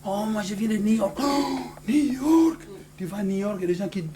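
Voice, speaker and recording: Un pasteur originaire du Congo, avec un congolais, prêche avec emphase dans une salle d'église et lance des alléluias à l'assemblée. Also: male voice, sits high, animated, a little fast, a crowd in the background. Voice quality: emphatic, repeats hallelujah to the congregation. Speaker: pastor. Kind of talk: sermon with call-and-response. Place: church hall. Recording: noisy church hall recording.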